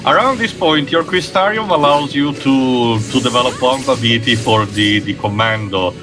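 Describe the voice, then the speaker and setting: A man casually commenting on a game replay, calmly explaining gameplay mechanics and character motives. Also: medium pitch, normal speed, music in the background.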